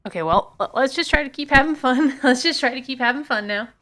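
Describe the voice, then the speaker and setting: A woman streamer giving let's play commentary and reading game text aloud, her mic clipping and distorting on loud words. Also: high-pitched, fast talker. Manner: reads game text aloud, reacts with laughs. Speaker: gaming streamer.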